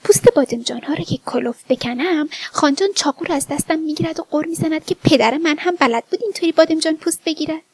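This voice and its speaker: A woman voicing a playful, mischievous young woman in a storybook reading, pitched up high and teasing. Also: hardly any pauses, no room sound, lightly acted.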